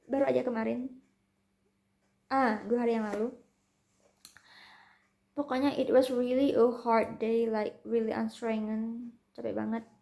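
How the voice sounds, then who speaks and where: Chatty young woman with gravelly voice. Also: on the high side, a little mellow. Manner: chatty, mixes in English and German words. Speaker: vlogger. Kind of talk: casual storytelling vlog.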